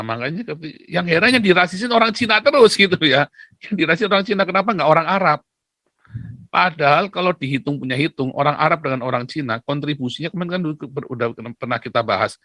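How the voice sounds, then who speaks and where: A man delivers an opinionated commentary monologue in a somewhat high voice. He hammers each point by repeating it and tossing in rhetorical tag questions. The sound is dry, with no room echo. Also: sharp tone. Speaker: political commentator.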